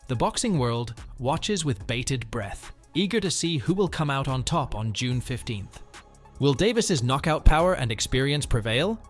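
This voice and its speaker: A man narrating a scripted sports news report. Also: medium pitch.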